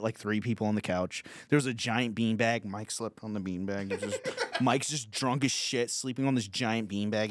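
Profane, animated young man on a podcast. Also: mid-range voice. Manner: profane, animated storytelling with laughs and acted quotes. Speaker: podcast host, comedian. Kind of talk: casual storytelling chat.

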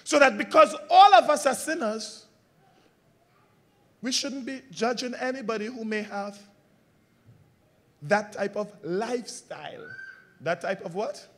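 Speaking at a measured pace and pausing often, a man delivers a sermon as pastor. He asks the congregation call-and-response questions, swinging from loud emphasis to low, quiet lines.

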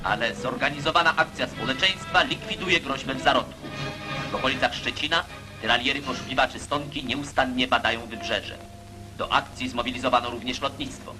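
A man delivers old newsreel narration with firm, declamatory emphus, pitched at an ordinary middle range for a man. His emphatic lines carry the tone of propaganda, and a loud music score plays clearly behind him. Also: a little fast, poor audio.

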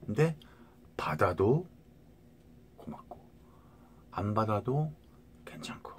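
A man's voice: fairly low pitch, expressive, slow pace, a little hiss or hum. A middle-aged man talking to viewers into a phone in a rambling casual monologue, restarting words and often asking "right?".

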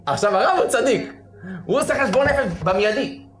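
A man preaching as a rabbi, telling a story with acted-out shouts and sudden loud bursts. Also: extremely high pitch, expressive. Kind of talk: animated storytelling sermon.

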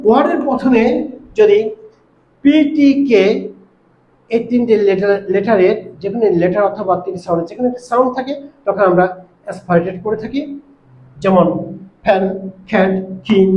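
A man from Bangladesh teaching a classroom lesson, explaining step by step with pauses and fillers as he searches for words. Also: high-pitched, mellow, muffled recording. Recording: echoey room with faint noise.

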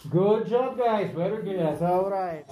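A woman English teacher leading a class of young children, giving slow repeated prompts and quick praise. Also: mid-range voice, warm tone, roomy sound, a little hiss or hum.

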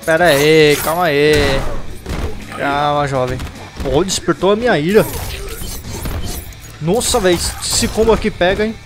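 A man's voice: on the high side, a little slow, long pauses. A man with a Brazilian Portuguese accent giving casual gaming commentary, yelping, groaning and joking at the game as he plays. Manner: excitable, yelps and groans at the game. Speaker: gameplay commentator. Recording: game music loud behind the voice.

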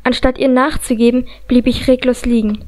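High-voiced woman reading a dramatic audiobook. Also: little pitch movement, normal speed, a little mellow. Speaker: audiobook reader. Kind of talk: first-person audiobook narration.

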